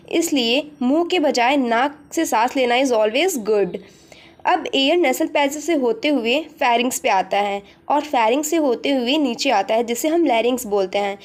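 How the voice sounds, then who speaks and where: A woman's voice: sits high, darkish tone. A young woman explaining a school biology lesson, addressing students directly and mixing English terms into her Hindi. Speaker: teacher.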